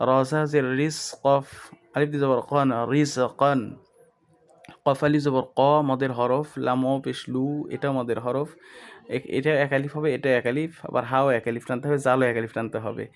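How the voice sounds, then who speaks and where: A man's voice: medium pitch, steady tone. A man teaching Quranic recitation, spelling out Arabic letters and vowel marks one by one in a patient, methodical way. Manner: slow drawn-out chanting when reciting whole verses; patient methodical explaining in Bengali.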